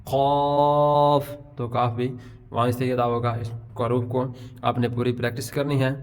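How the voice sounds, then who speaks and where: A man's voice: medium pitch, monotone. A middle-aged man teaching letter pronunciation to beginners, patiently explaining each sound and stretching out the example letters. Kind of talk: Urdu alphabet lesson.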